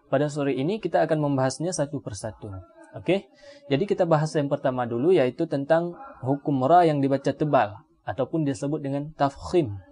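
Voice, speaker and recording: Calm Indonesian man teaching tajwid. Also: on the high side. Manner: slow drawn-out Arabic demonstration words between calm explanation. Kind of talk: Quran recitation lesson.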